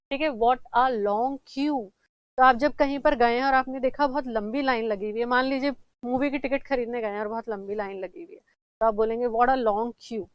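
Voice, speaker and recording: A woman's voice: on the high side, clean tone, dry recording, lo-fi sound. Woman teaching grammar with rhetorical questions. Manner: asks rhetorical questions and answers them, repeats examples slowly. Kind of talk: classroom-style lesson in Hindi.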